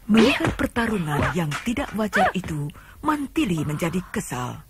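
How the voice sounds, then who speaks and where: A woman's voice: fairly low pitch, very animated, normal speed, over loud music. A woman narrating an old radio drama in a dramatic storytelling manner, heard from an old radio play recording. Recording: old tape with loud hiss.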